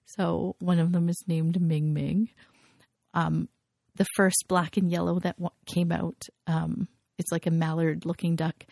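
A woman's voice: lowish voice, level tone, unhurried, gravelly, dark tone, no echo, studio quality. A woman co-hosting a casual podcast, chatting and gushing with frequent laughs, rambling as she goes. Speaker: podcast co-host. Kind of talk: casual chat.

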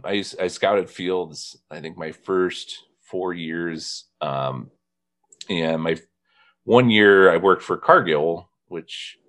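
A man's voice: low voice, a bit bright. A man from northern Indiana hosting a casual chat, telling funny stories and quoting people as he goes. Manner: storytelling, quoting others with laughs. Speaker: podcast host.

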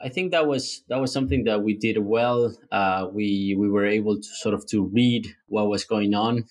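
A man with a lowish voice talks as a startup founder being interviewed. He explains his business conversationally. He often doubles back on words and pads phrases as he goes. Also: moderate pace.

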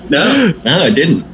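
A man's voice: on the high side, a bit bright, a little hiss or hum, rough recording. A man who is a tattoo artist, telling a story in a casual interview, laid-back and rambling, with frequent swearing and filler words.

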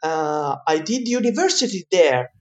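A man with a light Italian accent tells his story as an interview guest, talking in a relaxed, chatty way. His speech is full of small fillers and restarts, and he laughs often between his thoughts. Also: a little high, measured pace, highs cut off. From Italy. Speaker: guest, pizza teacher.

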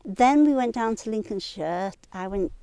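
A woman's voice: medium pitch, animated, mellow, smooth, no room sound. A middle-aged woman from Sheffield with a Yorkshire accent, a guest chatting on an open hillside and describing the landscape around her. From Sheffield, England. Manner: descriptive, unhurried, points out the landscape. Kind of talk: casual outdoor conversation.

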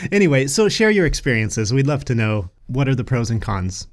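A relaxed man talking casually as co-host of a hiking show. He keeps an easy, conversational tone and breaks into short chuckles between thoughts. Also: medium pitch, moderate pace. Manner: easygoing, chuckles often between remarks. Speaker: podcast co-host. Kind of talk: casual chat.

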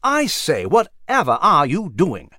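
A fussy, well-mannered gentleman mouse, voiced by a man. His speech is formal and lively in pitch, in a close, dry storybook read. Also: unhurried, dry recording. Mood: bemused. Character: prim, genteel English male mouse.

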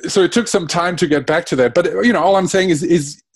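A man with a slightly high voice, a guest in a reflective interview, speaks quickly and hesitantly, often restarting his sentences. He is from Germany and his first language is Spanish. The recording is dry with no echo.

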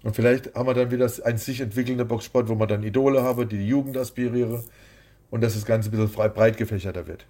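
A man's voice: medium pitch, fairly even intonation, quick pace, warm tone. A man who is a boxing promoter, talking bluntly and rambling as the guest in an interview. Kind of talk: casual interview.

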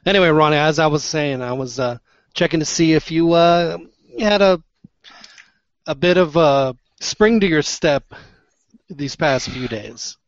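A man's voice: fairly high pitch, unhurried, no echo. A man hosting an online show, his voice breaking up over a weak internet connection. The sound is dull and dry, with no room around it. He talks in a hesitant way, full of fillers and restarts. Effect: breaking up over a bad internet connection. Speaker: podcast host. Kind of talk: casual online show talk.

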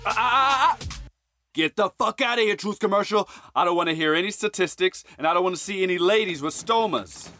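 A man playing a brash, slick street hustler pitching loose cigarettes in a comedy sketch. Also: expressive, brisk, pushed and bright, faint music behind. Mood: irritated. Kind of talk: comedy sketch acting with sales patter.

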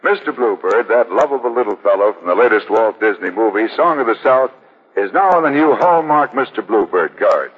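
Lively old radio announcer, tinny 1940s broadcast. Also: male voice, a little fast, breathy edge. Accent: American. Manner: old radio announcer delivery, polished salesman pitch. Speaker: radio announcer reading sponsor messages and credits. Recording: tinny vintage radio broadcast, music behind.

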